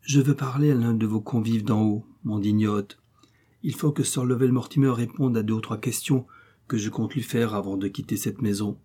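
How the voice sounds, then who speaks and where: Man voicing a resolute young traveler for an audiobook; firm, pressing delivery, mellow and a little husky. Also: on the low side, fairly even intonation, moderate pace. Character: bold young male traveler, determined.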